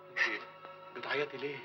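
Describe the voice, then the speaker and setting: An overjoyed husband with an Egyptian accent who calls out and gushes in a high, rushing voice. Film music plays behind him. It plays as classic Egyptian cinema. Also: male voice, lo-fi sound, full character voice. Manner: exuberant, shouting his wife's name, gushing. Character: overjoyed husband, expecting his first child.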